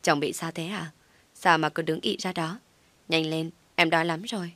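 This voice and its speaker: A woman's voice: low voice, steady tone, moderate pace, fairly bright tone, dry recording. A woman voicing a bossy, forgetful young wife who scolds her husband. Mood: scolding. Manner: scolding, nagging.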